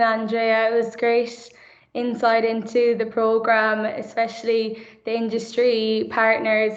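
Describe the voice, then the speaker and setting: Flat-toned Irish woman hosting. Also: on the high side, lo-fi sound. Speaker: event host. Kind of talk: hosting an online open day.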